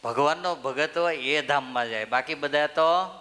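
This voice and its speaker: Swami preaching in a reverberant hall. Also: male voice, a little high, normal speed, bright, forceful tone. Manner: storytelling, asks the audience questions and answers them. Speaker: swami giving a temple discourse. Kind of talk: sermon with a story.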